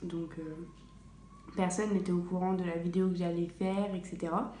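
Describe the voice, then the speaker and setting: A young woman tells a long story in a relaxed, rambling vlog, filling pauses and correcting herself often. Her voice sits a little low and sounds mellow. The small tiled bathroom around her rings with echo, and a faint hum runs underneath. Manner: chatty, many fillers and self-corrections. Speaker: vlogger. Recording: echoey bathroom, faint room ambience.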